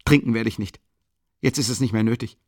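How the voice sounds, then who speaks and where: A man reading an excitable young man who rambles and breaks off mid-sentence. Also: lowish voice, fairly quick, dry recording, clean studio sound, voice pushed down. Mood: halting. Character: agitated young man, excitable, talkative friend.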